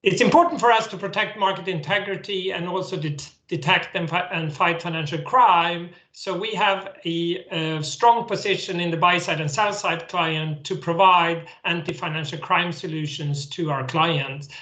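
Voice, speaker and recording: Swedish guy guesting on a webinar, fairly high voice, echoey room, trips over his words a bit. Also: moderate pace, hardly any pauses, sharp tone. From Sweden. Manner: earnest, with restarts and repeated words. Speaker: guest executive. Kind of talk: explaining on a webinar.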